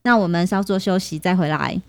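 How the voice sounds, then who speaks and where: A woman's voice: fairly low pitch, a little fast, noisy background. A woman co-hosting a casual podcast, listening closely with short replies and wrapping up segments. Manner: attentive listener, short backchannels, repeats words to practice. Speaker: co-host.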